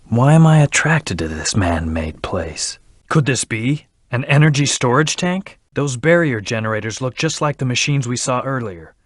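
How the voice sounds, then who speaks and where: A man's voice: mid-range voice, no room sound, studio quality, close to an everyday voice. A man voicing a brooding, arrogant hedgehog antihero in a video game, speaking in a terse, cool, commanding way. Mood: cool, focused. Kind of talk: scripted video game character lines.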